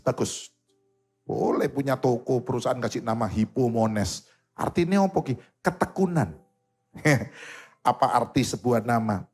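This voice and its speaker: A man with an East Javanese accent preaching a sermon, an animated and joking storyteller who slips into Javanese words. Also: mid-range voice, unhurried, slightly rough, faint music behind. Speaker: pastor. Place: church service in a mall event hall.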